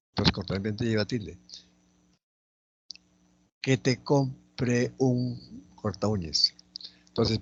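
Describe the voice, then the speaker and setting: A man teaching a spelling lesson, slowly and methodically going through each word and repeating it aloud. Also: fairly low pitch, muffled recording, slight background noise. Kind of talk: spelling lesson, explaining accent marks.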